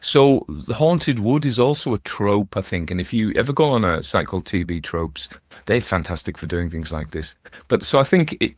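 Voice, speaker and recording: In a studio-quality recording with no echo, a low-voiced man, host and narrator of ghost story readings, rambles through casual literary commentary. He muses, interrupts himself mid-sentence, and slips in wry asides as if chatting.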